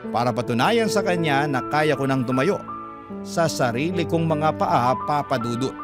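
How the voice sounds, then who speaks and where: Casting: male narrator, slightly high voice, dramatic first-person radio storytelling, prominent music bed underneath. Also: expressive, moderate pace. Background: loud background music.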